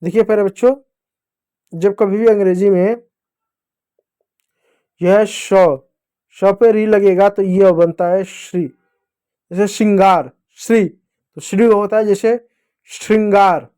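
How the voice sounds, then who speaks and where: A man teaching young children to read, speaking slowly and repeating each syllable for them to say after him. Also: sits high, fairly even intonation, dark tone. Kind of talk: Hindi reading lesson for children.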